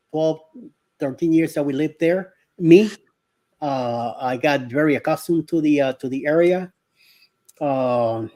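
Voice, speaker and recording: Middle-aged guy from miami on a live stream, kinda high voice, rambles with lots of uhs, says hi to viewers. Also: darkish tone. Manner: rambling, hesitant with many fillers; greets viewers by name. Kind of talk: casual live chat.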